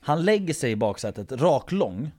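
Casual man telling a story. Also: mid-range voice. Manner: animated anecdote-telling, acts out quotes, swears casually.

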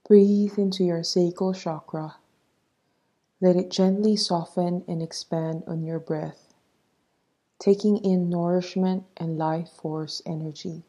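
Leading a guided meditation, a woman speaks softly and breathily with a lowish voice, calm and deliberate as she instructs.

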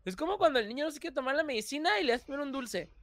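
A young man with a Mexican Spanish accent, talking as a guest in a casual interview, animated and quick to laugh. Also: very high-pitched, no room sound. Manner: animated, laughs often, restarts phrases. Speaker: YouTuber guest.

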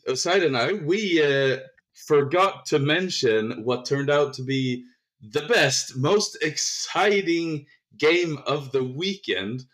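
A man hosting a casual sports podcast, chatty and quick to laugh, sometimes tripping over his words. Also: on the high side, lively intonation, fairly bright tone. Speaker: podcast host.

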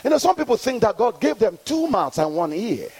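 A man's voice: high-pitched, sing-song, a little fast, a little mellow, breathy edge. A middle-aged man preaching a sermon to his congregation, calling out for the church to answer back and building to emphatic peaks. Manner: call-and-response preaching, rising to emphatic peaks. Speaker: pastor.

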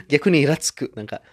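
A man who moved to Japan as a foreigner, hosting a casual solo monologue. He hesitates a lot, fills pauses with fillers, corrects himself often and laughs at himself. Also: a little high, slightly rough. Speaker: host of a talk series about Japanese.

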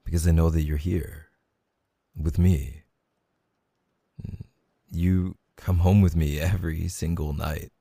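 A young man in a whispered role-play, talking softly and intimately as a reassuring boyfriend. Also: no echo, clean studio sound. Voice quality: gravelly, husky low voice. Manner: soft, intimate, reassuring talk to the listener.

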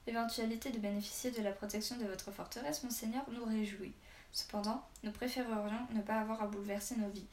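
A woman's voice: fairly high pitch, steady tone, brisk, a little mellow, close to an everyday voice. A woman voicing a sturdy, diplomatic old man who speaks courteously and conciliatingly, recorded with a roomy echo. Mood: conciliatory. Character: sturdy old male elder, diplomatic and polite. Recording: roomy echo, faint background hiss.

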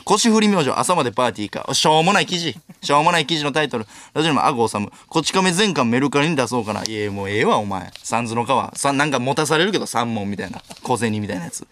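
Man, Kansai accent, studio mic, rapid retorts, animated pitch. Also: no echo. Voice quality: sharp comedic retorts, Kansai tsukkomi. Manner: rapid-fire reading and snapping back. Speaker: radio host reading listener mail. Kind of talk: late-night radio solo talk. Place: radio studio. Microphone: studio microphone.

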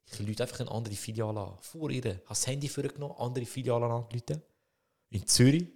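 A man in his thirties with a Swiss German accent, co-hosting a podcast and telling a story in casual comedic chat, growing loud as he acts out an argument. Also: medium pitch, fast talker, breathy edge. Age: 30s. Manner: animated, swings loud when reenacting arguments. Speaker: podcast co-host.

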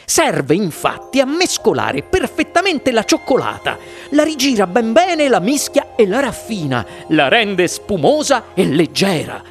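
A man's voice: high voice, pitched above the performer's own voice. A man reading the part of an eccentric, enthusiastic chocolate maker in an audiobook, coaxing and showy.

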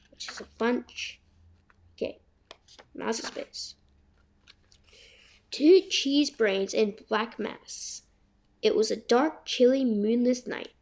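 A woman's voice: on the high side, creaky, darkish tone. A young woman casually reading a children's chapter book aloud, chatty and stumbling over words. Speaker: reader.

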